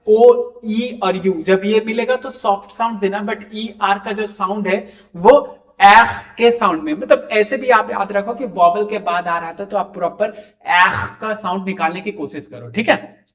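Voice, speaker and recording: A man teaching French pronunciation in an online lesson, repeating each word slowly and checking in often. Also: high-pitched, a bit bright, echoey room. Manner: repeats words slowly, frequent "ठीक है".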